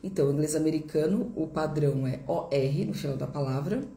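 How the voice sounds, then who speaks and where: A woman's voice: low voice, a little fast, mellow, echoey room, a little hiss or hum. A woman English teacher giving a live online lesson, explaining patiently step by step and repeating examples.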